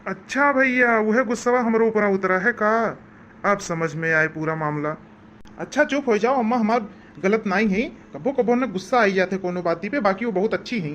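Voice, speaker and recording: A man's voice: high voice, moderate pace, a bit bright, a little hiss or hum. A man playing an easygoing young husband who coaxes and soothes in an in a comedy skit. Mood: coaxing.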